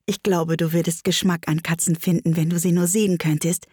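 A woman's voice: on the low side, flat delivery, fairly quick, a little mellow, slightly rough, no room sound, clean studio sound. Woman doing an eager, chattering young girl.

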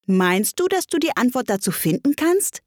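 A woman voicing an odd, contrary male hare in a storybook reading, with a lifted, drawn-out tone. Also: on the high side, sing-song, a little mellow, no room sound, clean studio sound, pitched above the performer's own voice.

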